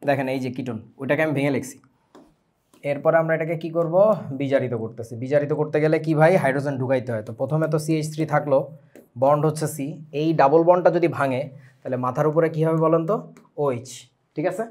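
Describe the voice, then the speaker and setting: Fast-talking Bangladeshi man teaching chemistry. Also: a little high. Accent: Bangladeshi Bengali. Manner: lively, asks students questions often, mixes English words. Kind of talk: online class lecture.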